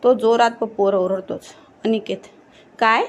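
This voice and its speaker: A woman narrating a horror story in a steady, suspenseful storytelling manner. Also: on the high side, normal speed.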